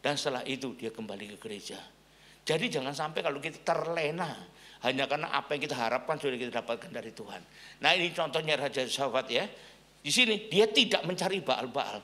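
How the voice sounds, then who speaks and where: A man's voice: mid-range voice, quick pace. A middle-aged man pastor preaching a sermon, telling stories and asking the congregation questions. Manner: animated storytelling preacher, asks the congregation questions.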